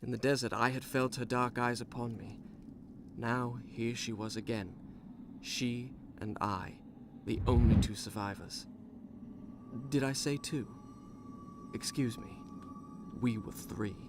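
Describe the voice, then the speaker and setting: An actor voicing a wary, self-reliant young prince who narrates his tale in a measured storytelling way, in a video game. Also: medium pitch, fairly even intonation, noisy background, natural voice. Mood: reflective. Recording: game audio with music.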